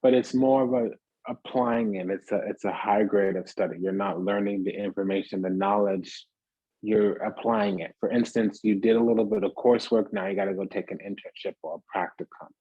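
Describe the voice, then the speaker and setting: A man's voice: on the low side, steady tone, a little fast, husky, no echo, dull audio. A man giving a casual, rambling tarot reading to viewers, piling up phrases in lists and checking in with "does that make sense?". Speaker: tarot reader.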